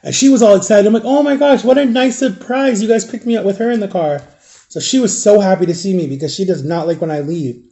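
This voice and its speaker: A Florida vlogger in his thirties tells his viewers a rambling storytime, chatting casually and correcting himself as he goes. His voice sits high and moves fast, with a creaky quality and a dark tone.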